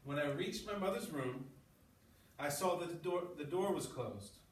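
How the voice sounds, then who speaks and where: A sixth-grade English teacher reads aloud in class and explains along the way, often checking in with pupils through short questions. His voice is a little high and animated at a moderate pace. The distant mic makes the audio roomy, with background noise.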